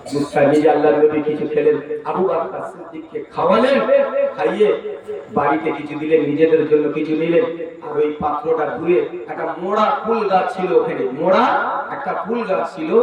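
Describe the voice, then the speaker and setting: A man preaching a sermon to a crowd, now and then chanting long high passages and calling on the listeners to respond. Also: fairly even intonation, a little fast, narrow, tinny audio. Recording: loud echoing PA from far off.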